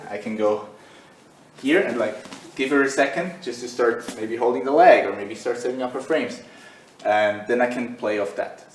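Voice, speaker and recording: A man's voice: mid-range voice, echoey room, recorded from a distance, a little hiss or hum, rough recording. A man teaching jiu-jitsu in a loose, conversational way while demonstrating on the mat. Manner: loose and conversational, many fillers. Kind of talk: casual instructional demo.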